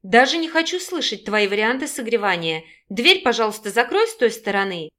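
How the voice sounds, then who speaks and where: A woman reading an audiobook, voicing a sharp-tongued, defiant young woman who snaps and mocks. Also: a little high, sing-song, brisk. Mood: scornful. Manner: snapping, sarcastic.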